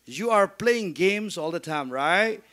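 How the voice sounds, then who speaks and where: Slow and expressive, this man's high-pitched, fairly bright voice leads a Bible lesson as a Sunday school teacher. He asks questions, supplies the answers himself, and then gets the class echoing his words back in call-and-response.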